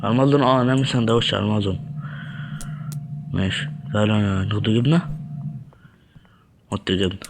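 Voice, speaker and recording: A man's voice: fairly low pitch, fairly even intonation, a little fast, pauses often, noisy background. A young man with an Egyptian Arabic accent giving horror game commentary, jumpy and talking back to the game, muttering prayers when scared. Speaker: gaming channel host.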